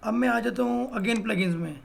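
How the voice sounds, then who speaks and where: A man teaches a step-by-step web design lesson on a screen recording, often adding "भाई" as he explains. His voice is very high-pitched and creaky, and he speaks fairly quickly.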